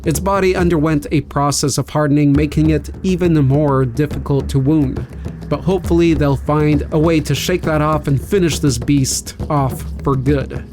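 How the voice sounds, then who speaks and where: A man with a fairly high voice recaps a board game session in an easy, casual way. Soft music plays faintly beneath him. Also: normal speed. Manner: relaxed recap of battles and gear. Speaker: game player and commentator. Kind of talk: casual gameplay commentary.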